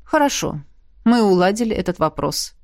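A woman voicing a calm, playful grown man, a rector who teases and coaxes in a soft, lowered voice. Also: moderate pace, no room sound, studio quality. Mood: coaxing. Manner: soft, lowered, easygoing and coaxing.

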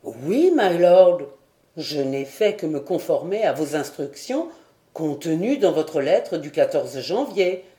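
A woman voicing a loyal, bewildered old male sailor in an audiobook, speaking low and slowly. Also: expressive, dark tone, reverberant. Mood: puzzled.

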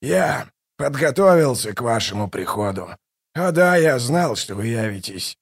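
A scornful ancient tyrant king, as a male reader puts him on. He speaks with contempt and flares into furious shouting. The voice sits in a middle register in an audiobook drama. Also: medium pitch, very animated, measured pace, creaky, slightly rough, exaggerated voice. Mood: contemptuous. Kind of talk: audiobook reading with character voices.

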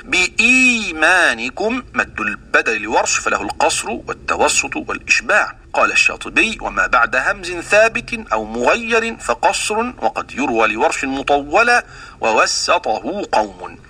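A man's voice: a little high, sing-song, normal speed, pushed and bright, breathy edge, recorded from a distance. A man teaching the readings of the Quran, explaining rules and then chanting verses and quoted teaching poems as examples.

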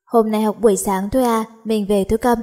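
A woman's voice: medium pitch, steady tone, fairly quick, warm tone, natural voice. A woman doing a lazy playful schoolgirl. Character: playful teenage girl, lazy and mischievous.

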